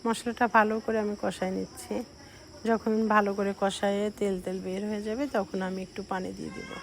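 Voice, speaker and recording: A middle-aged woman, slowly talking through her cooking, a little short of breath from a cold. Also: medium pitch, level tone, slight background noise. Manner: slow, soft-spoken explaining. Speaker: cooking vlogger. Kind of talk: casual cooking voice-over.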